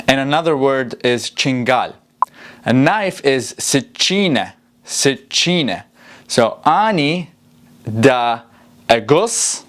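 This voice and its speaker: A man with a mid-pitched voice teaches like a channel host chatting to learners. He is upbeat and informal, and he slows down to say key words clearly and repeat them. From Iraq. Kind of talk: casual language lesson with example sentences.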